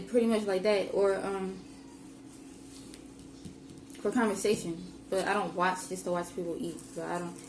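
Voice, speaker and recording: A young woman hosting a vlog, chatting casually to camera with lots of "like" and "um" fillers. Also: mid-range voice. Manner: chatty, rambling, many "like" and "um" fillers. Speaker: vlogger host. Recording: roomy with steady background noise.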